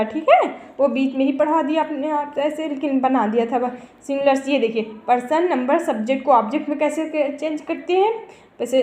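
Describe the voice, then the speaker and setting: A woman's voice: high voice, a little mellow. A woman teacher explaining grammar to her students, repeating each term and checking that they follow. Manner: calls students "beta", repeats terms, checks understanding. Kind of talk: grammar lesson. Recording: echoey room.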